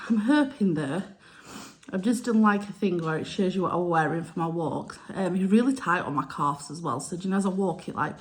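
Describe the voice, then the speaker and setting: Chatty woman vlogging. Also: medium pitch. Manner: chatty, frank and self-deprecating. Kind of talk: casual vlog chat.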